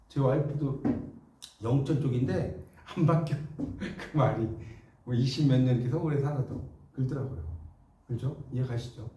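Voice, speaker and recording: A man's voice: fairly high pitch, mellow, distant mic. A middle-aged man teaching a class, dictating notes, repeating key phrases and checking whether his students follow. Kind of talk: classroom lecture. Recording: echoey room, voice from off-mic.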